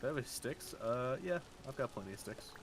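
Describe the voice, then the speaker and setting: A man streaming a game and chatting casually, wry and quick to laugh. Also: medium pitch, lively intonation, background noise. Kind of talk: casual gaming chat.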